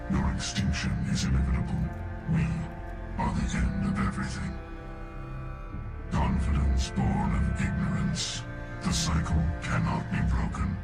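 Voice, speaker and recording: Abyssal, gravelly machine god. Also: male voice, heavily acted. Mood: cold contempt. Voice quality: gravelly, booming synthetic rumble. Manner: slow, imperious, grandiose pronouncements. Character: ancient godlike sentient machine, cold, contemptuous, menacing. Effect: deep machine voice processing. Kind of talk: science fiction video game dialogue. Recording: loud ominous music behind. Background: ominous music.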